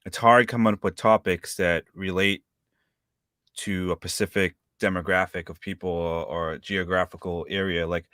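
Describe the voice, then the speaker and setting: Man, 30s, very deep voice, dry close sound, rambling casual co-host talk. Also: steady tone, normal speed, a bit bright, dry recording. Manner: rambling, hesitant, many fillers. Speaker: live-stream co-host. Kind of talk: casual chat.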